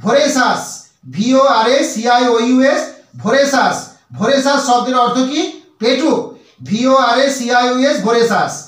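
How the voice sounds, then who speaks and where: A man, teaching English translation slowly, repeating himself and spelling words out letter by letter. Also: very high voice, a bit bright, heavy reverb, recorded from a distance.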